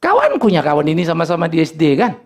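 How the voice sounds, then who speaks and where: A middle-aged man preaching a sermon, telling lively stories about family life and acting out little dialogues with humor. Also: on the high side, fast. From North Sumatra, Indonesia. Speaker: pastor.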